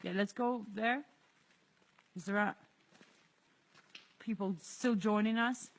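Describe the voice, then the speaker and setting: Soft spoken guy streaming live outside, thoughtful, second-language english. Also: high-pitched, steady tone, takes it slowly. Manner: soft-spoken, reflective, laughs often. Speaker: livestream host. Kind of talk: casual livestream vlog. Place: outdoors in an abandoned area.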